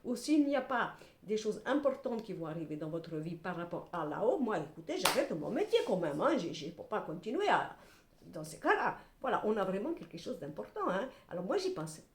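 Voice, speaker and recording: A middle-aged tarot card reader gives a blunt, salty, chatty reading to camera, sprinkling in "hein" and "voilà" as her voice swoops up and down. She speaks fairly quickly at medium pitch, and the roomy, echoey sound with slight hiss suggests a bare room at home.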